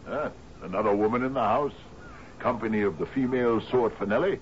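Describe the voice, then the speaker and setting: In an old-time radio drama, an actor plays a genial but domineering sea captain, hearty and lordly, who keeps repeating his phrases. His mid-range, natural voice is brisk, and he sounds delighted and insistent. The broadcast is old, muffled and noisy.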